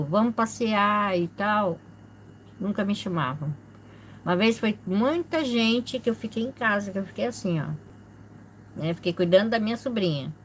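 A middle-aged woman telling a personal story on her vlog in a soft, halting way, often repeating herself. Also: medium pitch, slight background noise. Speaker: channel host.

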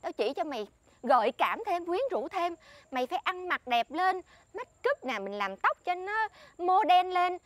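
A bossy, boastful flirt. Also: female voice, extremely high pitch, big pitch swings, normal speed, no echo. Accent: Southern Vietnamese. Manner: bossy, showy, lectures her friend. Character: boastful scheming woman friend, flirty. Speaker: actress in a comedy sketch.

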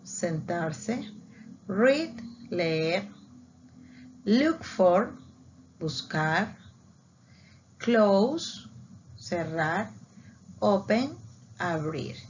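A woman teacher giving a bilingual English lesson, spelling out words and repeating them slowly. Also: medium pitch, darkish tone, slight background noise. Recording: dull lo-fi recording.

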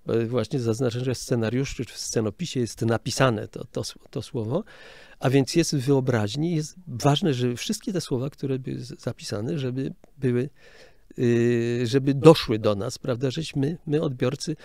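Gravelly older man explaining film sound. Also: mid-range voice, normal speed, a little mellow, no echo, clean studio sound. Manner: explanatory, hesitant, with frequent restarts. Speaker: interview guest, film sound director. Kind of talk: casual interview talk.

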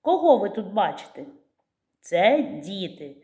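Woman, Ukrainian accent, preschool teacher, slow deliberate speech, lively melodic intonation. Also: mid-range voice. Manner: slow, clear, sing-song teacher voice to small children. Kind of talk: preschool literacy lesson.

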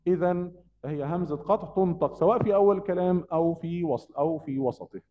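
Brisk Egyptian man teaching grammar. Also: a little high, in a large hall, highs cut off, a little hiss or hum. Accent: Egyptian Arabic. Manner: quizzing, asks a question then answers it himself. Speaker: Arabic teacher. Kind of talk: grammar lesson.

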